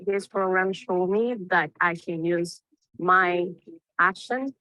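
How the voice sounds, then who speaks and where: A woman's voice: lowish voice, takes it slowly, pushed and bright, no room sound. A woman from Cuba, a student, giving an enthusiastic testimonial in a promotional video interview. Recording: dull, dry promo audio.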